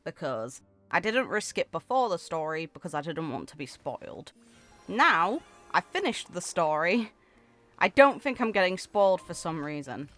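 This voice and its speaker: Over background music, a female gaming creator expressively reads story text about a game character, mixing in casual remarks. She speaks at a moderate pace in a lowish, slightly bright, very animated voice.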